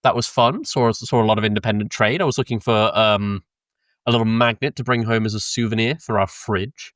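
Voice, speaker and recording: A man's voice: on the low side, a little fast, a bit bright, dry recording, studio quality. A young British man co-hosting a podcast, rambling through an anecdote with swearing, laughs and many ums. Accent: British English. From Britain. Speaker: podcast co-host. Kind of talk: casual podcast chat. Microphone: close podcast mic, dry sound.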